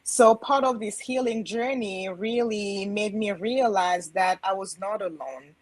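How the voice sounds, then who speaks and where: A woman's voice: mid-range voice, a little slow, no room sound, rough recording. A woman in her forties from the Democratic Republic of Congo, a wellness coach who speaks in a reflective, earnest way as an interview guest. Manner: reflective and earnest, often adding a questioning "right?".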